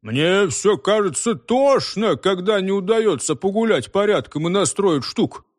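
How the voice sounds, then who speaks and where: A man voicing a burly, carousing young Cossack lad who swaggers loudly. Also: high-pitched, lively intonation, a little slow, no room sound, studio quality, pitched above the performer's own voice. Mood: boisterous.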